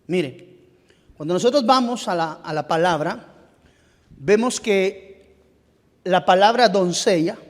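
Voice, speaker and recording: A male pastor with a Guatemalan Spanish accent preaching a sermon, often pausing to search for the right word and calling his listeners "beloved brother". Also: sits high. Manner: halting, searches aloud for words and restarts phrases. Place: church sanctuary. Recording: long reverb of a church hall.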